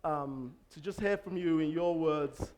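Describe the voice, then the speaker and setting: A man from Lagos moderating an event informally, halting and rephrasing as he goes. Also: on the high side, a little mellow. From Lagos, Nigeria. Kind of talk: informal onstage hosting.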